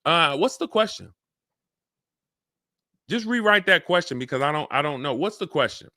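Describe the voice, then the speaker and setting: A man hosting a live car-buying Q&A stream, talking fast and energetic and acting out buyers and salesmen in quick asides. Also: fairly high pitch, no room sound, clean studio sound. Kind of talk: live-stream Q&A, casual and animated.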